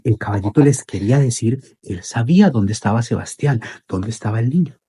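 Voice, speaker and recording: A man telling a children's story in an expressive, repetitive way with dramatic pauses. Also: mid-range voice, slightly rough.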